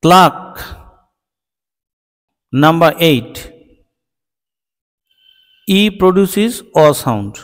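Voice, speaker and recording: Man, Bengali accent, slow careful word drills, reverberant room. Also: on the high side, animated. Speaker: English teacher. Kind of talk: phonics lesson for children.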